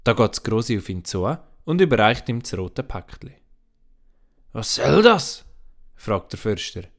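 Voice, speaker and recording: A man reading a children's story aloud in an expressive storybook lilt. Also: fairly low pitch, normal speed.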